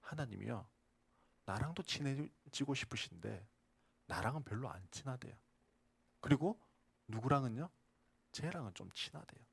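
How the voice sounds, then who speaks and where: A male pastor preaching a sermon, asking the congregation questions and shifting between loud emphasis and soft whispers. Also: mid-range voice, normal speed, gravelly, pauses often, slightly rough. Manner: animated, swings from loud to whispered.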